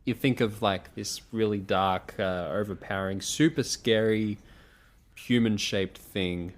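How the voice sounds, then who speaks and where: A man co-hosting a casual book podcast, thinking aloud slowly and laughing often. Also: fairly low pitch, fairly even intonation. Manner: slow, thoughtful, laughs often. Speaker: podcast co-host. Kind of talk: casual book-club chat.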